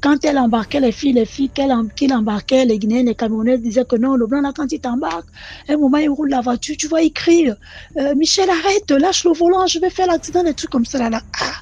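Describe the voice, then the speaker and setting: A woman telling her own mystical experience in an animated, repetitive way, speaking directly to the channel. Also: sits high, quick pace, slightly rough, no echo, lo-fi sound. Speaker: caller sharing a personal story. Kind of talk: personal testimony storytelling.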